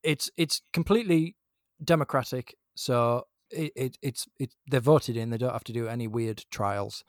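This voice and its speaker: A man's voice: medium pitch, normal speed, no echo, studio quality. A man co-hosting a podcast, joking and rambling through casual banter. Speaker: podcast co-host. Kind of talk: casual chat.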